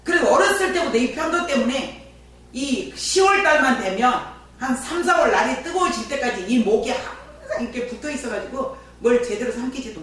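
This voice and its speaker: Woman pastor, lively storytelling sermon; distant mic in a booming church with faint hum. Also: very echoey. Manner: lively storyteller who chats with the congregation. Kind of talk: sermon with personal testimony.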